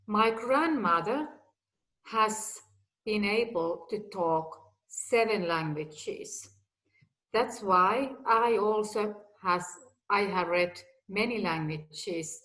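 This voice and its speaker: In her fifties and from Finland, with Finnish or Swedish as her first language, this guest executive speaks about personal matters slowly and deliberately, keeping her English phrasing plain and direct as one who learned it later. Her voice has an ordinary middle pitch for a woman and a fairly bright tone, and the recording is rough.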